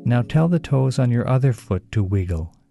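A man gently leading children through a slow, soothing guided relaxation exercise. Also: medium pitch, expressive, creaky, over loud music.

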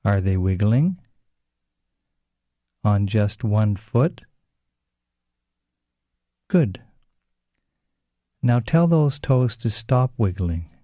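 A man gently leading children through a slow, soothing guided relaxation exercise. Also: fairly low pitch, lively intonation, no echo, clean studio sound.

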